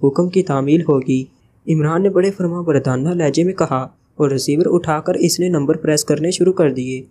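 A man narrating a novel as an audiobook in a steady reading voice. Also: a little high, moderate pace. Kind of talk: scripted narration.

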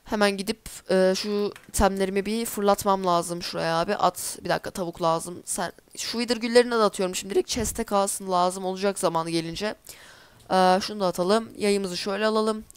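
Smooth-voiced woman chatting over gameplay. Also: medium pitch, steady tone, brisk, no room sound. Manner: chatty, easily exasperated, talks to herself while playing. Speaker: gameplay commentator. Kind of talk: casual let's-play commentary.

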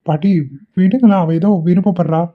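A woman's voice: lowish voice, fairly quick, phone-quality sound. A woman voicing an easygoing young husband in a cartoon, soothing and coaxing. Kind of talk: Tamil cartoon voice acting.

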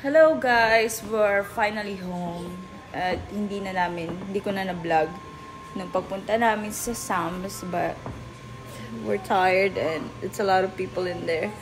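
A woman's voice: mid-range voice, a little slow, poor audio. A woman in her thirties with a Filipino accent, a native Tagalog speaker, chatting casually for a phone vlog. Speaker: vlogger. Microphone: phone at arm's length. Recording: handheld phone, loud music over it.

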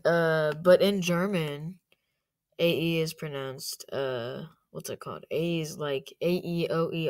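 A young woman giving rambling, chatty commentary in a casual vlog, with plenty of fillers. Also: sits low. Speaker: YouTuber.

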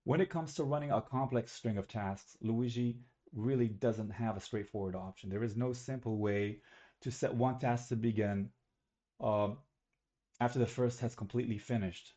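A young Algerian man gives a recorded student presentation on a webcam, talking casually, rambling slightly and correcting himself as he goes. His mid-range voice is mellow and moves at normal speed.

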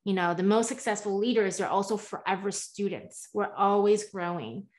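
A mid-range voice at a moderate pace belongs to a woman in her forties, born in the US and partly raised in Taiwan. Joining a video call from a room at home as a guest coach, she tells her story in candid interview style, earnest, gesturing animatedly, and often asking "right?" along the way.

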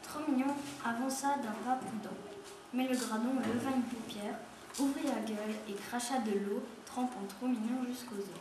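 A woman's voice: on the high side, moderate pace. Woman reading a storybook aloud at a school, very echoey room, noise behind. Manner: steady read-aloud delivery. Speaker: reader at a school. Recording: echoey room, far from mic, noisy.

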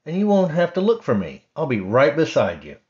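A man's voice: on the high side, huge pitch swings, fairly quick, a little mellow, highs cut off, voice pushed up. A man voicing an eager, cheerful little bird that chirps its lines, in a storybook reading.

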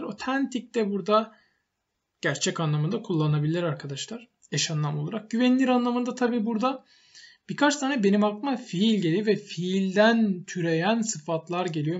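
A man's voice: sits high, dull audio. A man teaching English vocabulary, explaining each word step by step and repeating it for emphasis, with typing on a keyboard. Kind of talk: vocabulary lesson while typing.

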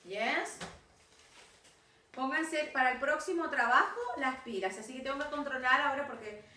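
A woman's voice: sits high, normal speed, sharp tone, recorded from a distance, slight background noise. A woman teacher with a Rioplatense Spanish accent giving recorded class feedback, correcting pupils and often checking that they follow. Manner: corrective, keeps checking for understanding. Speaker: English teacher. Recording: echoey room, voice off-mic.

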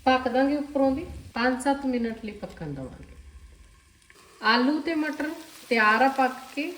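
Cooking host, woman, Punjabi accent, slightly high voice, calm step-by-step explainer, echoey kitchen with faint sizzle. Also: a little slow. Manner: calm, explanatory, addresses viewers directly. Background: sizzling and stirring of food.

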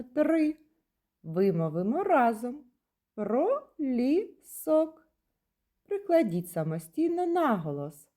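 A kindergarten teacher from Ukraine giving a slow, clearly spoken lesson to young children, stretching and stressing words for them to repeat. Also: female voice, a little high, warm tone.

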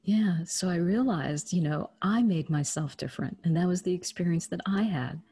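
A woman's voice: lowish voice, moderate pace, dark tone, slightly rough, dry recording. A woman in her fifties from Trinidad, an author telling her story earnestly and reflectively in an interview. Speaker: author guest. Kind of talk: interview conversation. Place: studio against plain grey backdrop.

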